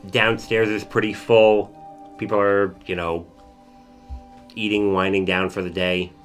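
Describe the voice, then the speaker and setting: A man runs a tabletop game, narrating scenes in a loose, rambling way full of fillers. His voice sits low but sounds bright and forceful. Faint music plays underneath. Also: little pitch movement, a little slow. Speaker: game master.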